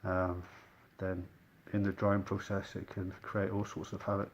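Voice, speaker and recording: Muffled, low, even-toned man in a mask. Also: measured pace. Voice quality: muffled through a dust mask. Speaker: rug cleaner presenting his own work. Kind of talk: casual explainer vlog. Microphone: speaking through a dust mask. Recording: clear background noise.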